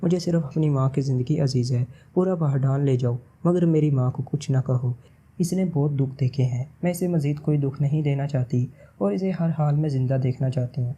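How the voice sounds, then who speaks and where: A man's voice: mid-range voice, dark tone, close to an everyday voice. A man reading the lines of a desperate princess who pleads tearfully for her mother's life. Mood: pleading. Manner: tearful, begging.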